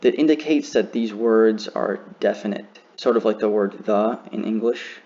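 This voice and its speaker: Male teacher, low voice, slow careful beginner lesson, muffled recording. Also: warm tone. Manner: slow, careful demonstration of pronunciation.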